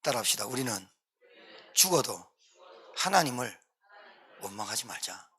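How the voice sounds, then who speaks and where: A man's voice: medium pitch, sing-song, moderate pace, sharp tone, slightly rough. A male pastor preaching a sermon emphatically, repeating his points for stress and acting out pleading quotes.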